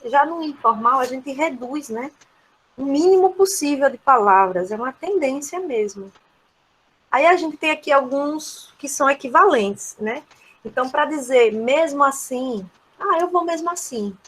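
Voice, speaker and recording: A woman's voice: a little high, fairly bright tone, low-quality recording. A Brazilian woman teaching an English lesson, explaining step by step and often checking in with "né?". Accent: Brazilian Portuguese. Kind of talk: classroom lesson.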